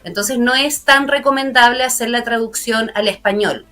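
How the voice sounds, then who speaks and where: Speaking a little high and at a moderate pace, this woman sounds pushed and bright. She is an English teacher with a Chilean accent, earnestly walking through language learning step by step in a studio interview at a broadcast studio.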